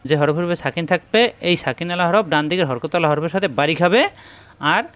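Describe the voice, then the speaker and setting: Patient man teaching recitation, fairly high voice. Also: a bit bright, no room sound. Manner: repeats syllables slowly and emphatically, patient instructing tone. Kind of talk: tajweed lesson, modeling pronunciation.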